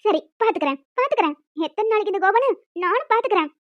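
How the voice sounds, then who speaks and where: In this Tamil audio romance drama, a woman plays a clingy young village wife who sounds high and girlish, animated and defensive as she pleads and chatters without pause. The dry, slightly dull recording has no room around her voice.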